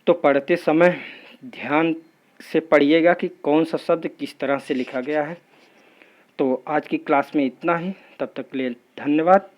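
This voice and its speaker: A man leads an exam-prep spelling lesson, going through each word in a steady, patient rhythm. His voice sits a little high for a man, and he drills the class in a methodical, even way. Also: a little slow, muffled recording. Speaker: teacher.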